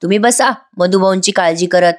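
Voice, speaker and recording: A defiant grown son, sarcastic and rude toward his parents, voiced by a woman reviewing a TV serial. He retorts in quick, cutting lines. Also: lowish voice, natural voice.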